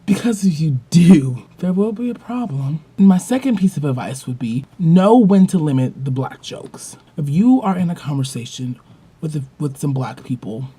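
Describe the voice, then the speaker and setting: A man's voice: a little high, animated, normal speed, dark tone, husky. A young man hosting his own vlog, talking casually to the camera and telling stories with emphasis. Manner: emphatic, storytelling with acted-out quotes. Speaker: vlog host.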